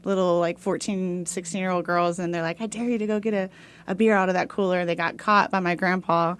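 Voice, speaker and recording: A woman's voice: lowish voice, fairly even intonation, a little fast, a little hiss or hum. A young woman from Houston, Texas, chatting casually as a podcast guest, rambling with lots of fillers and laughs. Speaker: podcast guest, dog trainer. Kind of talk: casual interview chat.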